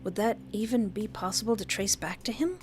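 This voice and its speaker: A woman's voice: medium pitch, a little fast, a little mellow, a little hiss or hum, close to an everyday voice. A woman reading a visual novel as an anxious, shaken young student narrator, with a hesitant and worried manner. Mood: anxious, dazed.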